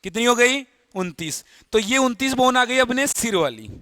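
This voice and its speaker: A man's voice: extremely high pitch, sing-song, moderate pace, bright, forceful tone, dry recording. A man teaching a biology class in a Hindi lecture, explaining step by step, repeating key terms and asking students questions. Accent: Rajasthani Hindi.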